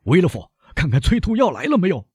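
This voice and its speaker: A man voicing a doctor who fires off quick, pressing questions and orders in an audiobook reading. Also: lowish voice, huge pitch swings, a little mellow, husky, dry recording, studio quality, voice pushed up, heavily acted. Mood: desperate. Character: urgent male doctor, probing, commanding.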